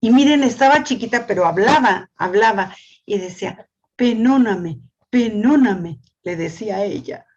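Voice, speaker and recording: An older woman gives a church family lesson, often repeating words and asking "¿sí?", and tells stories in a lively voice. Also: medium pitch, brisk, muffled recording. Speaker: family school teacher. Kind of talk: church teaching talk.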